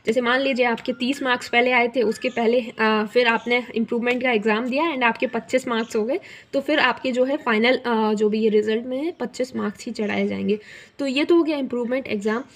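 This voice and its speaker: A woman's voice: on the high side, steady tone, a little fast. A young woman hosting an explainer video, talking conversationally with frequent fillers and words mixed in. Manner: conversational, many fillers, mixes English words into Hindi. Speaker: student guidance youtuber.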